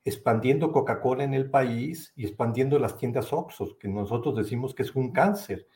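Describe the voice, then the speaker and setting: A man with a Mexican accent giving conversational commentary as an interview guest, halting and often tagging phrases with a questioning word. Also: mid-range voice, darkish tone.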